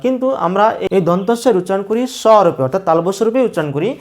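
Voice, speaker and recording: A teacher giving a slow, methodical pronunciation lesson, saying each sound several times. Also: mid-range voice, expressive, darkish tone.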